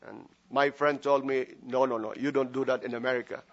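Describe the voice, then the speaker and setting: Brisk and steady at a medium pitch, a Filipino-accented man from the Philippines preaches and prays as a guest pastor, the recording muffled. He speaks Filipino natively and keeps things chatty, humorous and full of fillers.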